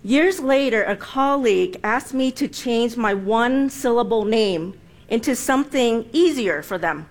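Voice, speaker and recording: Her pitch is a little high and expressive as she presents a prepared personal speech with deliberate emphasis. She is in her forties, born in Vietnam, with Vietnamese as her first language.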